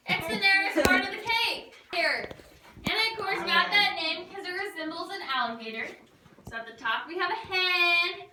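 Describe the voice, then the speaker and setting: Woman, cave tour guide, very high voice, cheerful and jokey, cave echo, heard from a distance. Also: bright, forceful tone. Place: inside a limestone cave. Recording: echoey cave, voice from a distance, faint noise.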